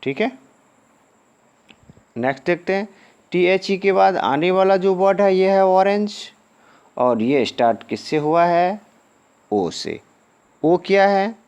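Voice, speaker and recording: A male teacher giving a lesson. He asks the class questions, answers them himself with a low falling word, and drills pronunciation syllable by syllable. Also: expressive, takes it slowly, pauses often, darkish tone, clean tone, dull audio. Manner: sing-song, swooping intonation.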